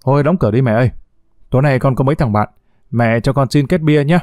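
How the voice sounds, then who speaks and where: A brash, flippant young son, as a male reader plays him, chatting carelessly. The voice is dark and warm. The recording is dry and close. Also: mid-range voice, fast, dry recording, faint music behind, natural voice. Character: cocky idle young man, lazy son.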